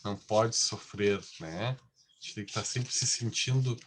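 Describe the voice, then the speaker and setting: A man's voice: fairly low pitch, unhurried, slightly rough. Male lecturer, conversational class delivery with constant tag questions.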